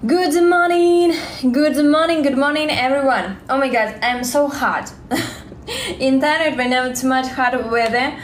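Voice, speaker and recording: Slow, halting Russian-accented young woman. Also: high voice, reverberant, slight background noise. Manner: halting, simple English with many fillers and repeats. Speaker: livestream vlogger. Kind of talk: live stream chat, reading comments. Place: indoors, small room. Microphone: phone held close.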